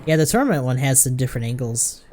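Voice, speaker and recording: A man's voice: medium pitch, expressive, fast talker, darkish tone, a little hiss or hum. Casual man laughing through a let's play. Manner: casual, laughs and swears at the game. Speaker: gaming video creator.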